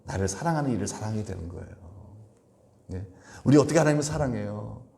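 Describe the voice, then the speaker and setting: A man's voice: lowish voice, animated, fast talker, vocal fry, warm tone. A male pastor preaching a sermon, asking the congregation questions and acting out quoted complaints in a raised voice. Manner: asks the congregation frequent questions.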